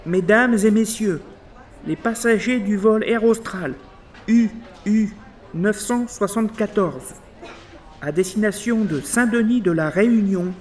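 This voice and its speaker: A man's voice: sits high, measured pace. A man reading scripted airport announcements in a formal, segmented, phrase-by-phrase delivery.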